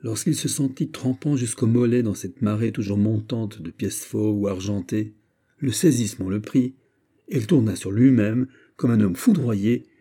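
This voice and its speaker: A man with a French accent narrating a classic novel as an audiobook, measured and literary. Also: lowish voice, dark tone, husky. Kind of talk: scripted narration.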